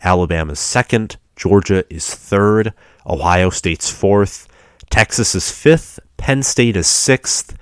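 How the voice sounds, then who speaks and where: Sitting low with a clear, resonant tone, a young sports vlogger speaks slowly, though a cold leaves him stuffy. He makes chatty fan talk about college football recruiting, full of restarts. The audio is studio quality with no echo.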